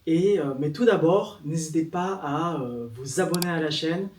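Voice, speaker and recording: A man hosts an interview, asking his guest questions in a friendly, halting way. His voice is somewhat high. The sound is roomy and echoey, and he is heard from a little way off the mic. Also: a little mellow, recorded from a distance. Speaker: interviewer, channel host. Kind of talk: casual interview.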